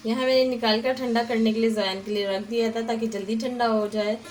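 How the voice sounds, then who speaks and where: A mother in her thirties with a Pakistani Urdu accent, chatting with her young son at home and gently correcting him. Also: fairly high pitch, flat delivery, fast. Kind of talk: casual talk with her children. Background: acoustic guitar music.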